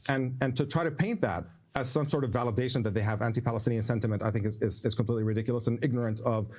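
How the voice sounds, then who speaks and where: A man's voice: mid-range voice, racing, darkish tone. A man in his forties from the Middle East, arguing firmly and emphatically in a heated debate. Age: 40s. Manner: firm, emphatic, argumentative. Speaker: debate guest.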